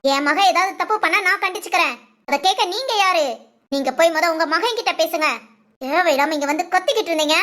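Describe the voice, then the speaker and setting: A woman's voice: very high-pitched, quick pace, fairly bright tone. A woman voicing a poor village mother who firmly defends her daughter. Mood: defiant. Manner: firm, pleading then scolding. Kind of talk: storybook voice acting.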